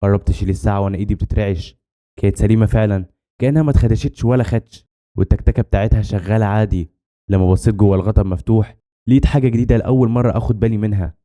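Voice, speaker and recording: An Egyptian man reads a scripted first-person horror story at a breakneck pace. His voice is low and very dark. He drives the tale forward with rushed, dramatic storytelling. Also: fairly even intonation. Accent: Egyptian Arabic.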